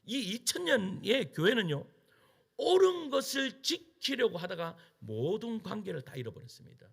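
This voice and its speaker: Emphatic pastor. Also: male voice, sits high, big pitch swings, normal speed, vocal fry, fairly bright tone, breathy edge. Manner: emphatic preaching with rhetorical questions and call-and-response. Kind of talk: sermon.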